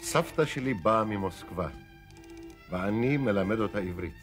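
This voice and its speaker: An earnest middle-aged man played by a male actor narrates his boyhood diary dramatically. His voice is fairly low and varied in pitch, with music behind it. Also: expressive, lightly acted. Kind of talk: dramatic first-person narration.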